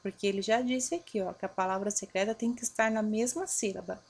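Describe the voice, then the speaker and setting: A woman teacher, giving a recorded lesson to her pupils, patiently asking and answering her own questions and spelling out letters slowly. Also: mid-range voice, vocal fry, a little mellow, husky. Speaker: primary school teacher. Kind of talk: recorded remote grammar lesson.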